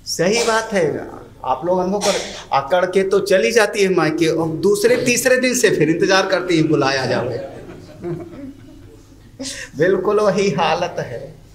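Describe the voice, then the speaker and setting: A man with a high voice gives a slow-paced sermon on scripture. He chants Sanskrit verses carefully and then explains them in plain, homely Hindi. The recording rings with echo. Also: expressive, background noise. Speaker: swami teaching scripture. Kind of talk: sermon-style scripture commentary.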